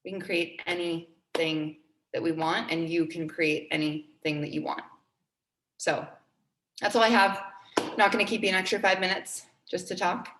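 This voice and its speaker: A woman's voice: lowish voice, steady tone, moderate pace, a bit bright, echoey room, slight background noise. A woman in her twenties giving a motivational talk to her team, earnest and upbeat, repeating key phrases for emphasis. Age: 20s. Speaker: team trainer.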